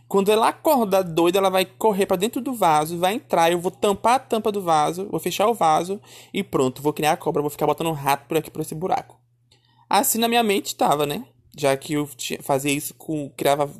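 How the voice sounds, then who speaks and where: A man telling a childhood story in a lively, chatty way, calling his listeners darling and my son. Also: a little high. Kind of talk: casual storytelling.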